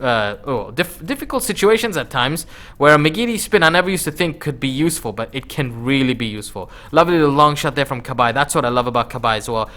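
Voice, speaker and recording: A man's voice: fairly high pitch, a bit bright. A man giving casual, conversational gameplay commentary as a gaming video host, using informal slang.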